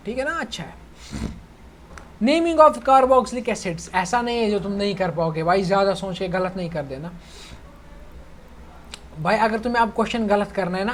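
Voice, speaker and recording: High-voiced young man tutoring casually. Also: a little hiss or hum. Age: young adult. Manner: chatty, calls students "bhai", keeps checking they follow. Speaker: chemistry tutor. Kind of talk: casual online lecture.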